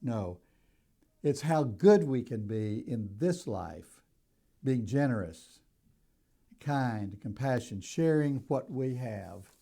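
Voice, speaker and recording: An older man preaching a sermon in a deliberate, emphatic way, stressing key words as he teaches. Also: mid-range voice, lively intonation, creaky, dark tone. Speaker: pastor.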